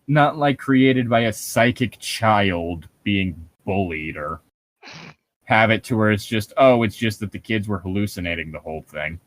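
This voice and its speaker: A man with a lowish voice and lively intonation talks a little slowly as a podcast co-host. He rambles and swears freely while riffing casually on horror stories.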